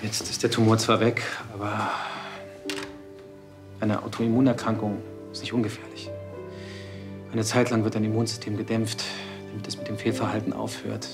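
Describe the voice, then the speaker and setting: An actor playing a resentful grown son who is a doctor, restrained and bitter, in a naturalistic TV drama. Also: male voice, on the low side, completely flat delivery, normal speed, music in the background, natural voice. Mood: subdued.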